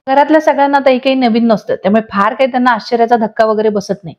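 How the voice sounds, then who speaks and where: A woman's voice: a little high, racing, lo-fi sound. Woman narrating a serial recap. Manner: steady storytelling, reads dialogue aloud. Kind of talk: scripted Marathi episode recap narration. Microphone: voice-over.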